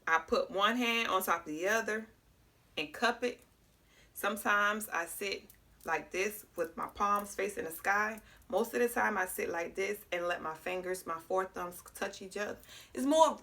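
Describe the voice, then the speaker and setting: Congested woman, spiritual guide, lowish pitch with some fry, chatty how-to delivery. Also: bright, forceful tone. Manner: talks straight to viewers, checks in with frequent "okay?". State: congested, slightly clogged. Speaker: spiritual guide teaching breathing exercises. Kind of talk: casual guided breathing lesson.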